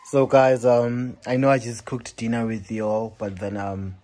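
A young Zambian man with the flu, chatting casually into a handheld phone for his vlog, relaxed and full of ums. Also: mid-range voice, moderate pace, soft background music. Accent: Zambian English. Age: young adult. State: has the flu. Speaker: student vlogger. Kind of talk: casual vlog chat to camera. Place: outdoor cafe terrace and indoor rooms. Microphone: phone held at arm's length.

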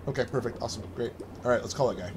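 A man's voice: medium pitch, very fast, background noise. A man casually commenting on a game, playful and full of hesitant fillers. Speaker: gameplay commentator. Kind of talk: casual let's play commentary.

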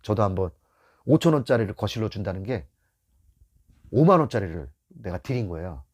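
A man's voice: on the low side, fairly quick. A middle-aged man who drives a taxi gives beginners blunt, casual advice, acting out scenes from the road and repeating his key points. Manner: animated, acts out scenes from the road. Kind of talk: casual spoken lesson.

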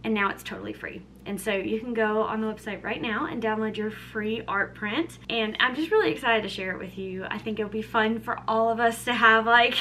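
A young lifestyle vlogger talks to camera in her home kitchen, her voice on the high side and a little fast, with few pauses and a sharp tone. She's chatty and upbeat, packing her casual vlog with fillers like "like" and "um." The camera is held close at arm's length, and there's slight background noise.

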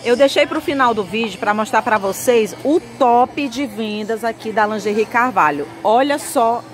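A Northeastern Brazilian woman with a voice on the high side talks over music at a moderate pace. She's filming a shopping vlog at an indoor market lingerie stall, chatty and salesy, speaking to her audience like friends.

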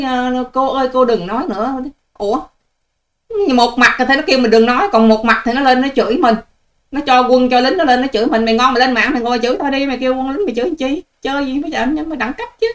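An older woman, hosting her own channel in a combative, scolding and sarcastic vlog rant to her viewers. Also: fairly high pitch. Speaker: online channel host. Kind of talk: ranting vlog monologue to viewers.

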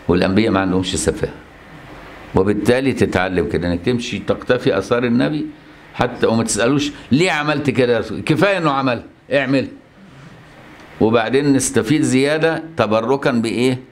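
A man's voice: mid-range voice, slight background noise. A man with an Egyptian Arabic accent teaching a religious lesson as an Islamic scholar, checking on his listeners with rhetorical questions as he explains.

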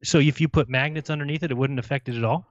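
Flat-voiced man pressing questions. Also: mid-range voice, rapid-fire, no echo, dull audio. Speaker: debate opponent. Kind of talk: live online debate.

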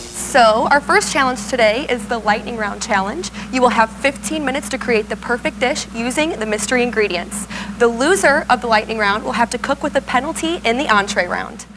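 A woman's voice: fairly high pitch, fairly quick, background noise. A young woman presenting a cooking competition as host, in a scripted show style. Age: young adult. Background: background music.

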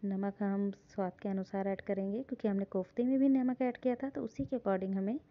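A woman calmly narrating a step-by-step recipe in her home kitchen. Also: medium pitch, a little fast. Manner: calm, instructive, repeats "hum" often. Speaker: cooking channel host. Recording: dull lo-fi phone audio.

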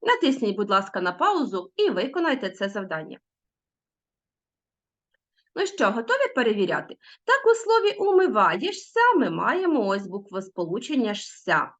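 A middle-aged woman teaching a recorded language lesson, drawing out example words slowly and stressing them. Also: mid-range voice. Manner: lively, drawn-out word stressing. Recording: dull lo-fi sound.

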